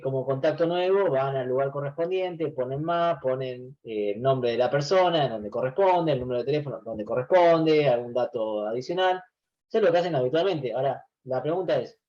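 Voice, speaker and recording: A man lectures a university class over a video call. He explains patiently, doubling back on phrases and filling pauses with "eh". His voice sits a little high, and the sound is dull and lo-fi. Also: darkish tone. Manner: explains patiently, many restarts and filler "eh". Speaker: university database teacher.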